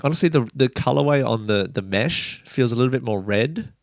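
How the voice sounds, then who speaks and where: A man's voice: medium pitch, animated, a little fast, vocal fry, no room sound, clean studio sound. A man hosting a casual sneaker podcast, rambling with lots of fillers like "kind of" and "you know". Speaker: podcast host.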